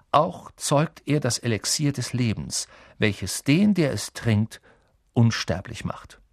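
A man narrating an audiobook in a lively, expressive way. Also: mid-range voice, creaky, dry recording, clean studio sound.

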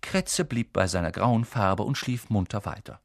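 A man narrating an audiobook with expressive, lively storytelling. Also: lowish voice, normal speed, gravelly, dry recording, clean studio sound.

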